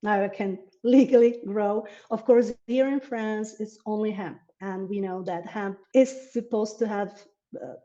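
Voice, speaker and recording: A woman speaks English in a mellow, relaxed voice as an earnest interview guest who laughs often. The audio is somewhat dull and muffled, as if from a modest microphone. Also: medium pitch, unhurried. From Slovakia. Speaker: herb farmer and interview guest. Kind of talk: casual interview over video.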